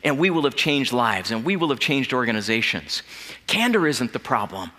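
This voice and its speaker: A man giving an earnest storytelling keynote as a corporate trainer, dropping to a hushed voice at emotional moments. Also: medium pitch, big pitch swings, normal speed. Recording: long reverb of a large hall.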